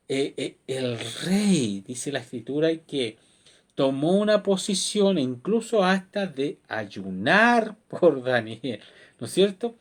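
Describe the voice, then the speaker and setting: A man preaching a devotional sermon as pastor, expressive and full of rhetorical questions. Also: medium pitch.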